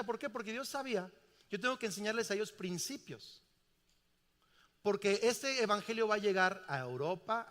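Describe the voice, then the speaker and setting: Questions fly at the congregation as a middle-aged pastor preaches animatedly in a large church. His voice is high-pitched and followed by a long reverb tail.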